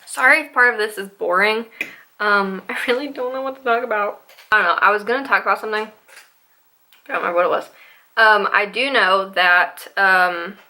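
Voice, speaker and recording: A woman's voice: medium pitch, a little fast, sharp tone, poor audio. A young woman vlogging at home in a casual eating-show chat, hesitant and rambling with lots of ums and likes. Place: home room with a Christmas tree.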